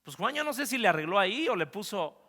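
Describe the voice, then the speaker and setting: Brief: male pastor, high and bright, preaching in an animated way in a reverberant church hall. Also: fast. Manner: animated, swings between loud and hushed, talks straight to the congregation. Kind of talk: sermon. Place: church sanctuary.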